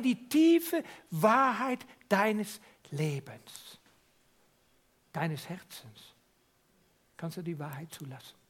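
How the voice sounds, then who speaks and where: A man preaching a Christmas sermon, asking rhetorical questions and swinging from near-whispers to loud, emphatic lines. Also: high-pitched.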